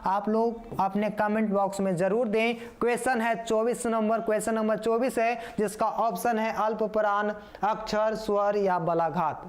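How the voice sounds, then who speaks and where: Male teacher drilling answers. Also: sits high. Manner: repetitive, drills answers, casually calls viewers "yaar"; reads out viewers' comment answers. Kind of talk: live online grammar lesson.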